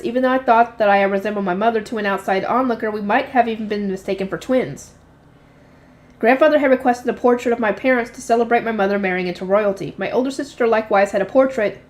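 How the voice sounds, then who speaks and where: A woman reading a light novel aloud, unrehearsed, often slipping and correcting herself. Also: a little high. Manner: unrehearsed reading with frequent slips and self-corrections.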